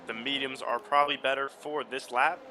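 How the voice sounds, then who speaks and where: A man co-commentates on online motorsport in a mid-range, very creaky voice. He offers conversational analysis of the race as it runs. There is clear noise in the background. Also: mid-range voice, steady tone, fairly quick, bright, forceful tone. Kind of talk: conversational analysis in live sim racing commentary.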